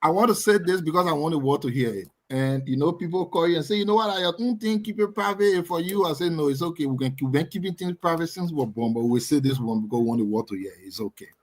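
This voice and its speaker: Co-hosting a casual live talk show, a young adult man with a Liberian accent chats away, laughing often. His voice sits on the high side, and he talks fast with few pauses.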